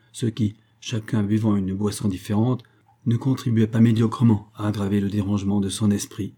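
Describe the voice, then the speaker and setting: A man narrating an audiobook with lively, ironic storytelling. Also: fairly low pitch, breathy edge. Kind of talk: scripted narration.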